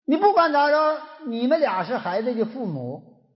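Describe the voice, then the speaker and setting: A man's voice: very high-pitched, sing-song, normal speed, muffled recording. A man from Northeast China with a Northeastern Mandarin accent, giving an earnest moral lecture full of rhetorical questions, recorded in a lecture hall.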